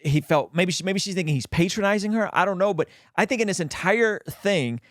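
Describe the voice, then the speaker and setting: A man's voice: high voice, fairly quick, a bit bright, dry recording, clean studio sound. A man giving casual, opinionated video commentary as a host, speaking colloquially and with emphasis. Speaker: host of a reaction show.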